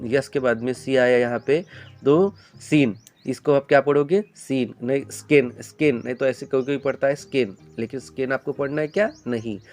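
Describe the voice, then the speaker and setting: In Hindi, a man with a medium-pitched, slightly mellow voice leads a classroom-style English pronunciation lesson. He keeps asking the same questions in call-and-response drills and answering them himself. He calls viewers "beta," addressing them as children.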